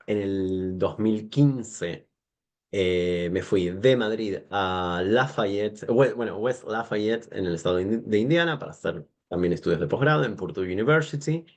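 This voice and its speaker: Hesitant Argentine man, low voice. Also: measured pace, a little mellow. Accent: Argentine Spanish. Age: 40s. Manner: hesitant, many fillers and restarts, digressive. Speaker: guest scholar. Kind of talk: podcast interview.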